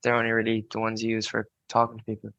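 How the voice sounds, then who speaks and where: Man, early 20s, creaky, bright tone, even pitch, colloquial casual chat, very dry sound. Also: rapid-fire, no echo, highs cut off. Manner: colloquial, frequent "like" and "you know". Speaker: podcast guest, student on work placement.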